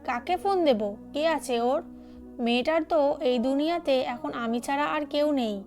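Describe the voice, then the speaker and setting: Woman reading an anxious, loyal young woman in an audio drama; high and pleading. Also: moderate pace, darkish tone, soft background music.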